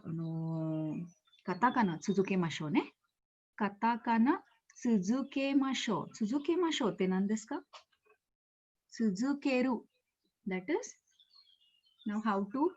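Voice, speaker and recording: A woman's voice: medium pitch, a little mellow. A woman with an Indian English accent teaching Japanese in an online class, explaining step by step with many fillers and repeated words. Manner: explanatory, with frequent fillers and repetitions. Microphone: video call. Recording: lo-fi video call audio.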